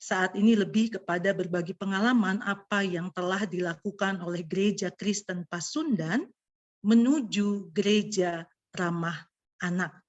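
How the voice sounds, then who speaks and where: A woman who cannot roll her r, so it sounds soft and unclear, presenting interactively as a guest speaker to an online audience. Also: mid-range voice, steady tone, normal speed. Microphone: video call. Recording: dull lo-fi online call audio.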